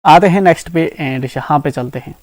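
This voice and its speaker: A man's voice: a little high, moderate pace, a little mellow, no room sound. A man with a Kashmiri accent teaching an exam-prep grammar lesson. He explains each term with examples and keeps checking in with "ठीक है ना". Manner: repeats "ठीक है ना" often, explains terms with examples.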